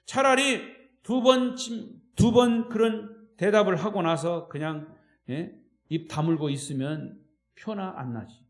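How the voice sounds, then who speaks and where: A man with a Chungcheong Korean accent, a pastor preaching emphatically and calling on the congregation, shifting between loud and quiet. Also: high-pitched. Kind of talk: sermon. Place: church at evening worship.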